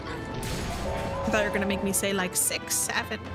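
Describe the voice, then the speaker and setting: A young woman livestreams a video game, joking around casually with her chat and rambling into asides. Her mid-range voice is flat and quick, and loud music plays behind the stream.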